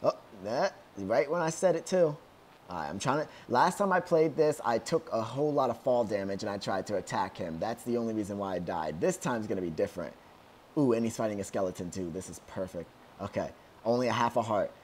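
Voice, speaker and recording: A young man giving casual commentary on his own gameplay at home, excitable and yelling whenever things go wrong. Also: lowish voice, brisk, a little hiss or hum. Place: at home, outside his room.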